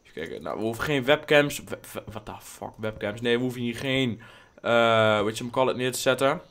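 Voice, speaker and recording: A young man hosting a casual let's play, rambling and blunt, swearing freely, mixing in English phrases and breaking into sudden excited outbursts. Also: medium pitch, fairly quick. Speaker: gaming channel host.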